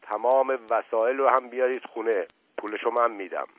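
A man's voice: mid-range voice, a little hiss or hum, natural voice, low-quality recording. A man voicing a stern, decisive father who speaks in a firm tone. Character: stern authoritative father of the household.

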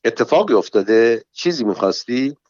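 A man's voice: medium pitch, expressive, darkish tone, no echo, muffled recording, natural voice. A man voicing a skinny young partygoer with a beer in hand, who talks in a flippant, carefree way in an audiobook reading. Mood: casual. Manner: flippant, breezy, mocking.

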